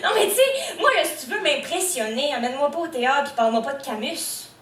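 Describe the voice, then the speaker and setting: A woman's voice: high-pitched, very animated, brisk, reverberant, far from the mic. A young woman from New Brunswick with an Acadian French accent, doing a stand-up comedy set to a live crowd in a brash, teasing way. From New Brunswick, Canada. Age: young adult. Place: comedy stage before a live audience.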